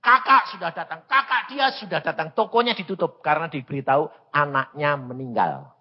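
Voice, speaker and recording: A man's voice: on the high side, fairly quick, muffled recording. A man, telling a personal testimony in a sermon and acting out the dialogue as he goes. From Central Java, Indonesia. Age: 80s. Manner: animated storyteller who acts out dialogues. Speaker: evangelist preacher.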